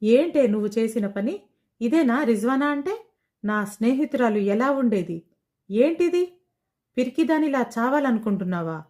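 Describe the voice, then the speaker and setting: A woman's voice: on the high side, moderate pace, natural voice. A woman storyteller voicing a bold young woman who scolds her friend and then urges her to be brave. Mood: scolding. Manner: scolding, forceful, encouraging.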